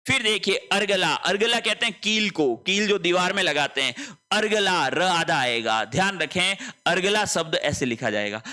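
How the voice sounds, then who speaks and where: A man's voice: high-pitched, bright, forceful tone. A man teaching a spelling lesson, emphatic and repetitive, often asking rhetorical questions. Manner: emphatic, repeats words and asks rhetorical questions. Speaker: Hindi teacher.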